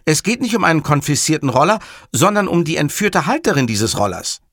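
A man's voice: on the high side, very animated, fairly quick, a bit bright, no echo, clean studio sound, voice pushed up, heavily acted. A man doing a polite, dutiful police sergeant. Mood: earnest. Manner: formal, polite. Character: dutiful, matter-of-fact male police sergeant.

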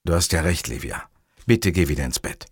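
A man voicing a grumpy, short-tempered male police commissioner who speaks bluntly and gruffly. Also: medium pitch, very animated, normal speed, fairly bright tone, no room sound, clean studio sound. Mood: weary tender.

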